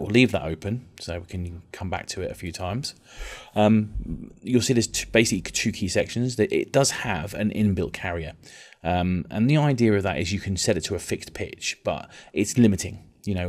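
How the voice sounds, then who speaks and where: A man with a low voice teaches music technology in a casual software tutorial, laying out each step and going back over the main points as he proceeds.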